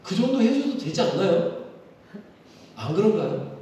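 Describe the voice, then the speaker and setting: Pastor guy preaching, kinda high voice, lots of questions to the crowd, big echoey church picked up from far back. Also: normal speed. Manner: animated, asks the congregation many rhetorical questions. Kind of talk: sermon. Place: church sanctuary during a service. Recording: echoey hall from far off, faint noise.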